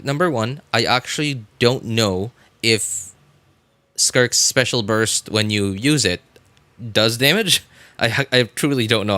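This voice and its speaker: Livestreaming a game, a man chats casually with viewers and thinks aloud in a rambling way. His medium-pitched voice is bright and forceful, recorded with no room sound.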